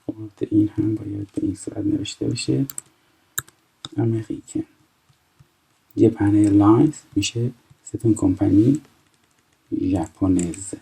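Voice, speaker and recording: This recorded French lesson comes from a man in his twenties from Iran, who explains step by step and reads phrases slowly before translating them. His fairly low voice is creaky, and the background is noisy.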